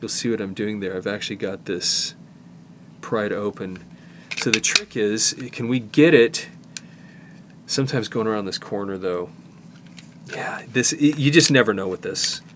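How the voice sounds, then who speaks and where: This lowish-voiced middle-aged technician speaks a little slowly and pauses often while showing how he repairs a cassette in his workshop. He's relaxed, thinking aloud with restarts and asides, and there is background noise.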